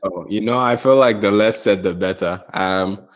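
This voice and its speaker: A man's voice: on the low side, normal speed, dull audio. A man talking football casually as a panelist, hesitant and repeating his phrases. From Ghana.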